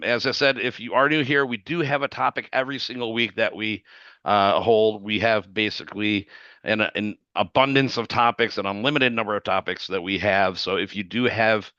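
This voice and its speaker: A man with a raspy voice hosting a weekly video-call livestream, opening the show in a casual, chatty way. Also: on the low side, pushed and bright, no echo, lo-fi sound. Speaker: livestream host.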